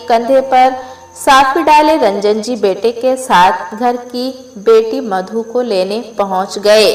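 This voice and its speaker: A woman narrating a family drama in a measured, unhurried manner. Her voice sits fairly high and the pace is very slow. The recording has a noticeable roomy echo. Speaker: storyteller. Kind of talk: scripted story narration. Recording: echoey room.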